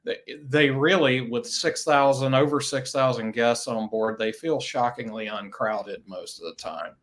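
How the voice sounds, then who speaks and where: A man's voice: mid-range voice, measured pace, fairly bright tone. A man talking as a guest on a travel webcast, enthusiastic and repeating words as he starts sentences. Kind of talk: casual webcast chat.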